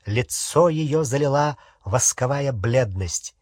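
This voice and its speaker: A man reading an audiobook in a measured, expressive narration with a husky voice. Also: mid-range voice, no echo, studio quality. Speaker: audiobook reader. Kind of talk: scripted narration.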